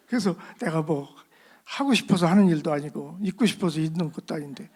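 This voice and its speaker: A middle-aged man preaching, telling a personal testimony in a lively storytelling manner and acting out the voices of the people in it. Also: on the high side, normal speed, husky. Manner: animated storyteller acting out quoted voices, laughing at himself. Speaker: pastor. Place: church sanctuary.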